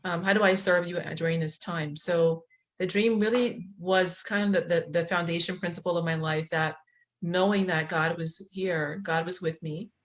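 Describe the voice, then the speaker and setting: A woman's voice: on the low side, steady tone, moderate pace. A woman from Liberia, a podcast guest, telling a spiritual story in a reflective way with many fillers. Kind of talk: conversational interview.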